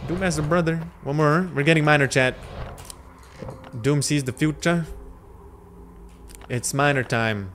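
This young man's voice is a little high and fairly bright, and he keeps a measured pace with frequent pauses, over a slight hiss or hum. A native Lithuanian speaker, he streams from a room at home, talking into a headset in a slangy, rambling way and replying to his live chat between game moves.

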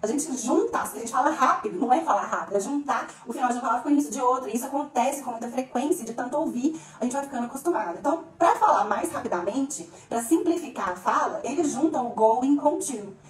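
Lively woman teaching English grammar. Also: high voice, far from the mic. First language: Portuguese. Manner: lively, slows down to spell out English examples. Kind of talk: explaining grammar to camera. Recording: echoey room, a bit off-mic.

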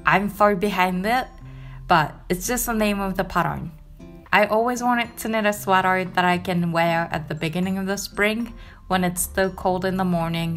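A young woman from Japan with a Japanese accent, narrating her knitting vlog in a calm, gentle, chatty way; English is not her first language. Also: medium pitch. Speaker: knitting vlogger. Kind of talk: voice-over narration.

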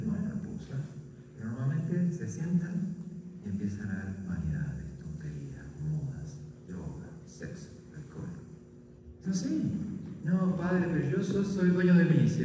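Impassioned priest in an echoey hall. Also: male voice, medium pitch, warm tone, distant mic, a little hiss or hum. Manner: impassioned, full of rhetorical questions. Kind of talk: lecture to young people.

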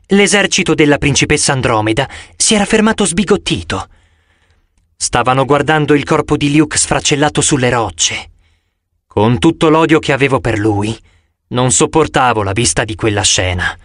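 A man narrating an audiobook in the first person with a dramatic, expressive reading. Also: fairly high pitch, moderate pace, no room sound, studio quality.

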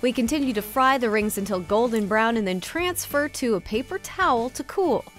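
A woman reading scripted voice-over narration of recipe steps, smooth and even. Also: on the high side, normal speed, faint music behind.

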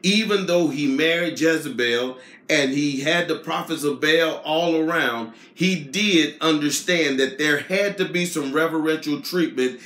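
A man's voice: a little high, unhurried, a bit bright. Earnest man teaching a Bible lesson. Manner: earnest, explanatory. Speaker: Sunday school teacher. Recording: echoey room.

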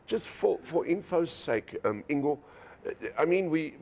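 A man's voice: on the high side, expressive, a little slow, vocal fry, a little mellow, a little hiss or hum. A middle-aged man with a Namibian accent, hosting a casual interview chat. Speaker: talk show host. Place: small indoor lounge set, seated on a couch.

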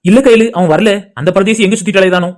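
A woman's voice: medium pitch, steady tone, quick pace, darkish tone, natural voice. A woman voicing a young man in a cartoon who talks bluntly and offhandedly on the phone. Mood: offhand.

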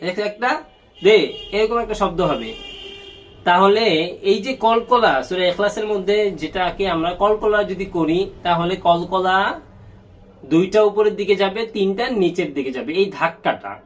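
A man teaching Quran recitation rules in an online lesson, asking and answering his own questions and chanting sample words slowly. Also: sits high, slight background noise.

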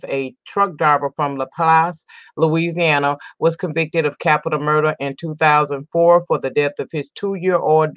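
Her voice sits low, with no room sound, as she reads a crime news article for her channel and adds indignant, emphatic commentary, repeating words for stress. Now and then she stumbles and restarts. It's a dry, dull lo-fi recording.

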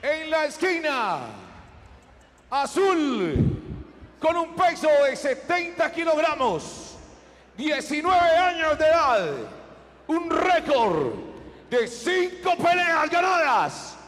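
Bombastic lucha libre-style announcer man, very high-pitched. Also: very animated, slow pace. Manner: bombastic, stretching out words and names. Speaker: ring announcer. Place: mixed martial arts arena over a PA. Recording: echoey hall PA with background noise.

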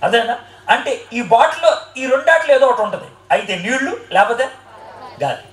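A man's voice: very high voice, lively intonation, brisk, fairly bright tone. A man preaching a sermon to a live audience, quizzing the listeners and joking with them as he teaches. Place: hall with an audience. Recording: roomy echoing hall.

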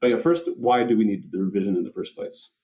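Low-voiced, dark-toned host asking rambling questions. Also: male voice, wildly swooping pitch, quick pace, distant mic. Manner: rambling, hesitant questions with fillers. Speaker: podcast host. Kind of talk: casual interview questions.

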